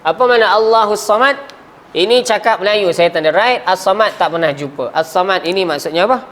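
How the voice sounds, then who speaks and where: High-voiced Malaysian teacher quizzing his class. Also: a little fast, a bit bright, slight background noise. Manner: asks the class frequent questions, coughs and trails off mid-word. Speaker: Arabic grammar teacher. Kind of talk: classroom lesson.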